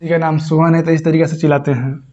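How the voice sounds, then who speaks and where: A male teacher explains a lesson in a slightly high voice, going over each point more than once. He asks questions and answers them himself. The recording sounds muffled and lo-fi. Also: little pitch movement, quick pace, warm tone. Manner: repetitive, explains step by step, asks and answers his own questions. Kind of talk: classroom lesson. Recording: dull lo-fi recording.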